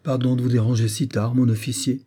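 Sarcastic insolent grenadier read by a man, dark husky tone, mocking. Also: medium pitch, normal speed, natural voice. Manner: mocking, coolly ironic.

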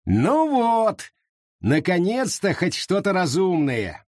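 A man's voice: high-pitched, sing-song, a little slow, dry recording, studio quality, pitched above the performer's own voice, full character voice. A man doing a smug, scheming settler.

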